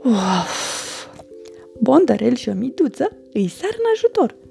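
Expressive woman reading a storybook. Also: sits high, vocal fry, faint music behind.

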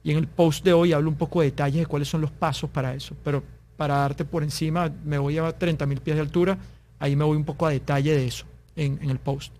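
A man with a somewhat high voice talks through business advice as an interview guest. He explains earnestly and voices short back-and-forth exchanges as examples. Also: steady tone, fast, a little mellow. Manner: explains with examples, acting out little dialogues. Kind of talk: conversational interview.

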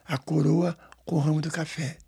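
The delivery is flat and at normal speed, the voice fairly high, dark, gravelly and husky. A Brazilian man in his sixties who directs a samba school tells stories in an interview with a São Paulo Portuguese accent, rambling with many repetitions and tag questions.

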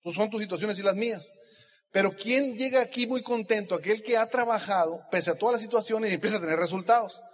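Hombre de voz aguda y ronca, en un salón con eco. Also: male voice, high-pitched, fairly quick. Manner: emphatic, addresses listener directly. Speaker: motivational speaker. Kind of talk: motivational speech at a convention. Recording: husky voice in reverberant hall.

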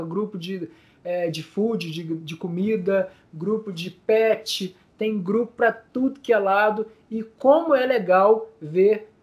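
A man telling a live interview his stories, tearful and choked up, repeating words and filling pauses as his voice breaks. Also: sits high, darkish tone. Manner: many fillers, repeats words. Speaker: guest, community news group founder. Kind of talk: emotional storytelling in interview.

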